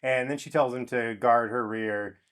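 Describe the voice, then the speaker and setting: Man co-host, mid-pitch, wry and joking in a casual recap. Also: fairly even intonation, a little slow, fairly bright tone, clean tone. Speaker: podcast co-host. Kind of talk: casual chat recapping a TV episode.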